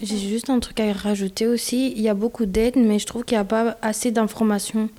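A Belgian woman in her 20s, appearing as a guest, speaks candidly in a casual conversation with a fairly high yet mellow, soft voice and fairly even intonation. She is hesitant, pausing often and using many fillers while she gathers her thoughts.

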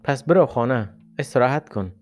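A man's voice: mid-range voice, lively intonation, soft background music, lightly acted. A man voicing a stern male schoolteacher who speaks in a dry, formal way. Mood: puzzled.

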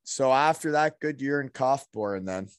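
A man's voice: medium pitch, animated, normal speed, clear, resonant tone, dry recording, studio quality. A man with a Canadian accent hosting a casual interview, bantering in hockey-bro slang and often tagging on "eh". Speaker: interviewer and former hockey player. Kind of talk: casual chat.

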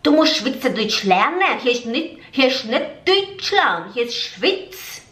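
A woman voicing a stern older Swiss woman who slowly and curtly lectures a newcomer. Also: high voice, very animated, a bit bright, roomy sound, exaggerated voice. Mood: scolding.

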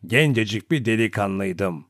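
A man's voice: lowish voice, animated, normal speed, a bit bright, no echo, clean studio sound. A man doing a buzzing-voiced, mocking old peasant. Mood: reminiscing. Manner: uses folksy sayings. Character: wiry, cheerful old peasant man who mocks everyone.

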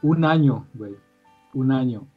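A man from Michoacán, Mexico, chatting casually and telling animated anecdotes. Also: mid-range voice, measured pace, breathy edge, phone-quality sound, soft background music. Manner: animated storyteller, quotes others. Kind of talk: casual podcast chat.

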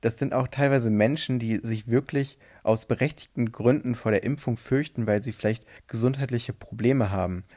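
A man's voice: mid-range voice, moderate pace, hardly any pauses, darkish tone. A man giving a casual opinion monologue, speaking hesitantly as he searches for words and corrects himself.

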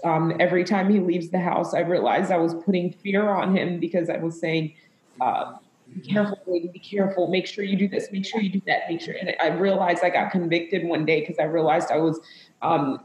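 Woman pastor, very low voice, halting, lots of fillers, emotional, live panel, echoey room. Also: a little mellow. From Zambia and the US.

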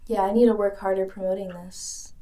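A woman's voice: mid-range voice, steady tone, a little fast, dark tone, far from the mic. A woman co-hosting a podcast, chatting casually and bluntly with plenty of swearing and laughter. Her voice sits a little back from the mic, and the room behind it rings with echo. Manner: frank, profane, laughing. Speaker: podcast co-host. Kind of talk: casual chat. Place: small room.

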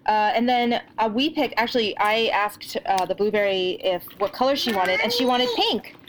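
A woman's voice: medium pitch, expressive, moderate pace, background noise. A woman co-hosting a knitting podcast at home, chatting casually with many fillers and restarts. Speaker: podcast co-host. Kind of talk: casual chat.

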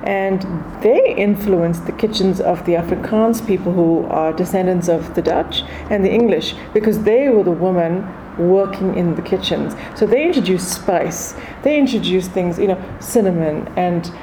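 A woman's voice: on the low side, normal speed, hardly any pauses, noisy background. A woman from South Africa's east coast with a Durban Indian accent, explaining things thoughtfully as a guest in a conversational interview. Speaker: podcast guest, food and wine expert.

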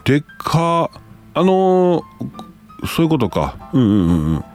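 A man's voice: on the high side, wildly swooping pitch, a little slow, a little mellow, soft background music. A man with a Kansai accent, hosting a casual live stream, reading listener messages aloud and exclaiming often as he reacts.

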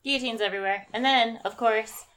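A young woman co-hosting a casual podcast, telling stories in an animated way and quoting people, her voice a little sore from yelling. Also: a little high, brisk. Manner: animated storytelling, quotes herself and others. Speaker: podcast co-host. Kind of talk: casual chat.

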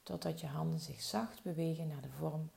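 A woman guiding a slow body-relaxation meditation with soft, soothing instructions. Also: deep voice, steady tone, gravelly. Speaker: relaxation guide.

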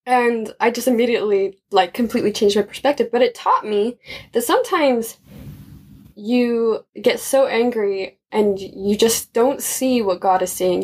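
A young woman, a student, telling a personal faith story in an animated, chatty way. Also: medium pitch, slightly rough. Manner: animated, chatty, often laughing.

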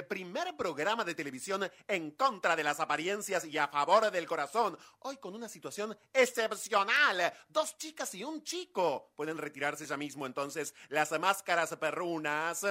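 A pompous male TV announcer, as a man puts him on, speaks slowly and grandly in a radio comedy sketch. His voice is bright and forceful and sits slightly high.

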